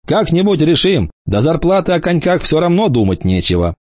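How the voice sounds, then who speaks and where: A man voicing a mild, balding father who talks in a hurried, wry way. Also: on the high side, big pitch swings, no echo, highs cut off, voice pushed up.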